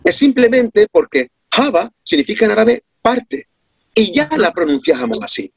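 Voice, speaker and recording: Speaking from home over a video call as an interview guest, a man from Córdoba, Andalusia, Spain, with an Andalusian accent lays out his ideas emphatically and in a lecturing manner, pressing points with rhetorical questions. His fairly high, husky voice is very animated, swinging widely in pitch at normal speed. The sound is close and dry with no echo.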